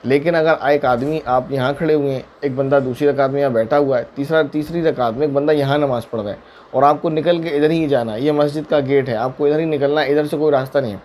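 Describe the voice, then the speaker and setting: A man's voice: medium pitch, fairly even intonation, a little mellow, slight background noise. A man serving as a mufti who answers viewers' questions in a religious lesson. He explains each ruling patiently and step by step, using worked examples.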